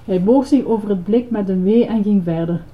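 A woman narrating a children's storybook in a calm, measured way, on a dull lo-fi recording. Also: medium pitch. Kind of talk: storybook reading.

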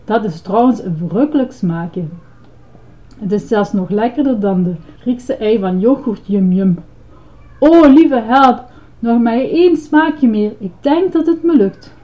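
A woman's voice: fairly high pitch, expressive, measured pace, mellow. A woman voicing a cheerful male monster who sells ice cream, proudly chanting and eager to please, on a dull lo-fi recording. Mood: flustered.

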